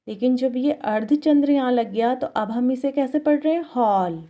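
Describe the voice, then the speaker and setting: A woman's voice: high-pitched, muffled recording. A woman teacher giving a recorded Hindi lesson to young children. She asks questions and answers them herself, and she draws out each example word. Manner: drawn-out, exaggerated pronunciation of example words. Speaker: school teacher.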